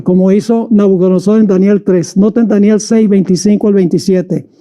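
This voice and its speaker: A man preaching a sermon, reading long scripture passages and drawing out the quoted lines slowly. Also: high-pitched, mellow. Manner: slows and stretches words when reading quoted lines aloud. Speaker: pastor.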